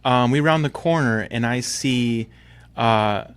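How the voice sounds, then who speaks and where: A man co-hosting a podcast, chatting casually and telling excitable stories with loud outbursts. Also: mid-range voice, takes it slowly, smooth, no room sound. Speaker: podcast co-host.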